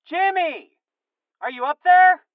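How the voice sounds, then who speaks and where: A man voicing a kindly middle-aged mother with a sing-song, high voice. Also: wildly swooping pitch, moderate pace, narrow, tinny audio. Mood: calling out.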